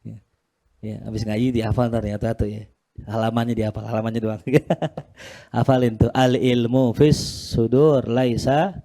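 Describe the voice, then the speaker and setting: A man's voice: mid-range voice, level tone, normal speed, warm tone. A man teaching a religious study class to his students in a casual, joking way. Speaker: Islamic teacher.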